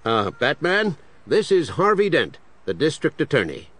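Animated Commissioner Gordon. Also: male voice, a little high, moderate pace, breathy edge, exaggerated voice. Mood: calm, friendly. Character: apologetic, reasonable police commissioner. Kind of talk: children's superhero audio drama.

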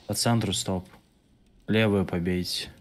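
A man's voice: deep voice, steady tone, a little slow. A man leading an online game raid, giving terse, clipped, commanding callouts over voice chat.

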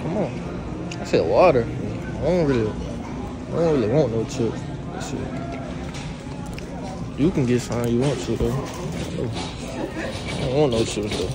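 A young man in his twenties vlogging while shopping in a supermarket, teasing and swearing, with sudden loud bursts. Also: mid-range voice, measured pace, long pauses, heavy background noise. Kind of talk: casual vlog banter. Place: large supermarket, indoors. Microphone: handheld camera.

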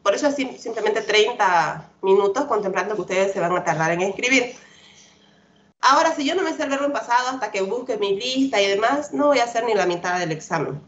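A woman's voice: mid-range voice, lively intonation, brisk, fairly bright tone, slight background noise. Woman, online English teacher; patient, repetitive, checks in a lot; muffled call-quality sound. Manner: patient, repetitive drilling, frequent "¿verdad?" checks. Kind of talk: online class lecture. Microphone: computer mic on a video call. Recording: dull lo-fi video call audio.

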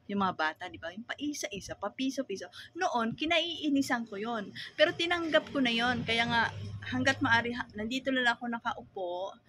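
Lively bright-voiced Filipino woman vlogging. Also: a little high, moderate pace, slight background noise. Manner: animated, laughing, mock-growling. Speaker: sari-sari store owner vlogger. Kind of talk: casual ranting vlog.

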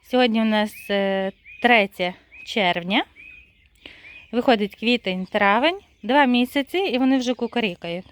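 A woman chatting casually in her yard while tending her birds, laughing often and calling them in a high singsong. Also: animated, measured pace, clean tone. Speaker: poultry-keeping vlogger. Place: outdoor yard with poultry.

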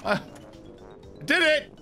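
A man commenting live on his video game, swearing often and swinging between low mutters and exasperated shouts. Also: drawn-out words. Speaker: streamer. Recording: gameplay stream with music behind.

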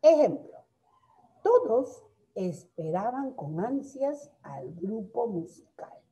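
Woman teacher, warm mellow tone, fairly high voice, affectionate, asks rhetorical questions. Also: big pitch swings. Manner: affectionate, calls pupils "my loves"; slow and explanatory, with frequent rhetorical questions. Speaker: primary school teacher. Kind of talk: recorded grammar lesson for children.

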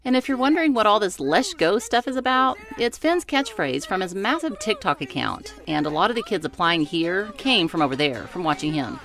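A woman narrating a vlog voice-over in an excited, stoked way. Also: mid-range voice, a little fast, hardly any pauses.

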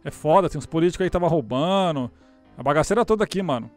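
A young Brazilian man with a Brazilian Portuguese accent giving casual, joking gameplay commentary, swearing and bursting into shouts. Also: fairly high pitch, animated, fast, faint music behind. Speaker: gamer streamer.

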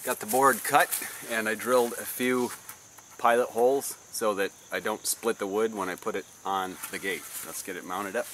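Casting: low-voiced Southern man, 50s, plain DIY explainer recorded outdoors with insects buzzing behind him. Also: fairly even intonation, normal speed, a bit bright. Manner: plain, practical explaining while working. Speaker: DIY video host. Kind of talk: casual how-to narration. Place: outdoors in a backyard. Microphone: camera mic from a few feet away. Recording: outdoor camera audio with insect noise.

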